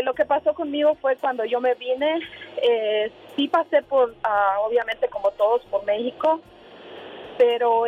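A woman's voice: fairly high pitch, slight background noise. Woman on a tinny phone line. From Honduras. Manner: hesitant, many fillers. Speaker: caller. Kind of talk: telling a personal story on a call-in show. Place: in a moving car.

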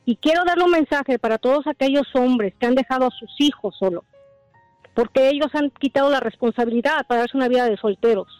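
A woman caller from Dallas speaks firmly on a radio phone-in, with a high voice and faint music behind her. She lectures in an emphatic, steady way. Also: brisk, no room sound, rough recording. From Dallas, Texas.

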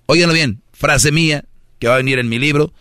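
A man's voice: on the high side, fairly quick, bright, forceful tone, clear, resonant tone, no room sound, studio quality. A man with a Mexican Spanish accent giving relationship advice as a radio host, in a preachy, slangy manner, often acting out the voices of the people he talks about. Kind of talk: casual radio monologue.

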